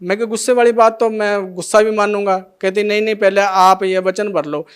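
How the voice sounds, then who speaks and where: A man's voice: high voice, steady tone, a little fast, clean tone. A middle-aged man emotionally telling his testimony as a devotee, acting out the dialogue of each scene. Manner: retells scenes by acting out every line of dialogue.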